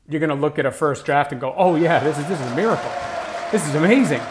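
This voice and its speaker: A man talks straight to the camera in a loose, conversational way and often drifts into fillers like "like" and "you know". His voice sits in a middle pitch, and his delivery stays relaxed and unscripted. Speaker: writer giving advice. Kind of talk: casual talking-head monologue.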